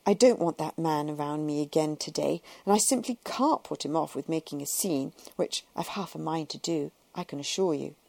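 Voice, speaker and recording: A woman's voice: low voice, normal speed, gravelly, hardly any pauses, darkish tone, no room sound. A woman reading the part of a languid, luxurious society woman who gossips in an imperious drawl. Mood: urgent gossip.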